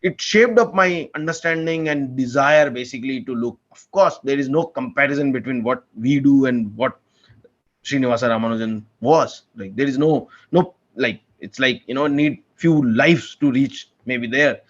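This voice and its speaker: This young man from India, a doctoral student, speaks at a normal pace with a medium pitch, though the audio is dull. As a guest on a podcast, he talks casually and enthusiastically, and he often backs up to restart what he's saying.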